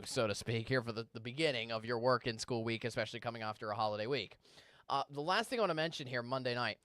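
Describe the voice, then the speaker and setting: A man giving a TV weather forecast in a conversational, energetic way, stressing key words. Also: medium pitch, clear, resonant tone, no echo, studio quality. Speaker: TV meteorologist. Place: TV studio.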